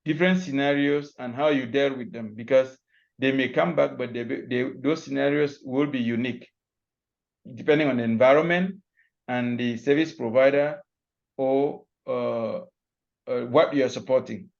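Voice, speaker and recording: A cloud security expert from Cameroon describes his workday on a video call for an online panel, speaking at normal speed in a medium-pitched voice with vocal fry. He explains loosely, restarting often and walking through examples step by step. The call audio is muffled.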